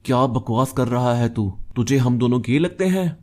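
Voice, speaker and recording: A man voicing a quick-tempered adult friend, speaking sharply when provoked. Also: medium pitch, animated, close to an everyday voice. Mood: angry. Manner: sharp and confrontational.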